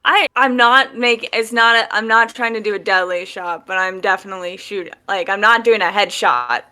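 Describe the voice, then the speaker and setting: A woman playing a tabletop game who talks in a halting way and corrects herself as she goes. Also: medium pitch, sharp tone. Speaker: player. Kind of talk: casual tabletop play.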